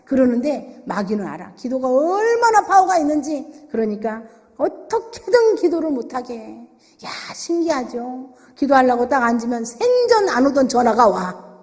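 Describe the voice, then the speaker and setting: A woman's voice: sits high, big pitch swings, normal speed, darkish tone. A woman pastor preaching a sermon in an emphatic way, peppered with rhetorical questions. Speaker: senior pastor. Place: church sanctuary. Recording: long reverb of a church hall.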